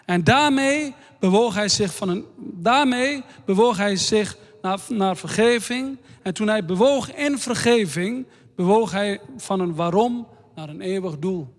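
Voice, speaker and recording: A man preaching a sermon in a slow, earnest way, reading scripture aloud. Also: high-pitched. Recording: long hall reverb.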